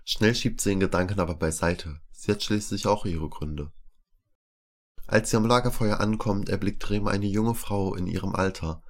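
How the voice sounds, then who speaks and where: A man reading a fantasy story aloud as narrator, with an even storytelling manner. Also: on the low side.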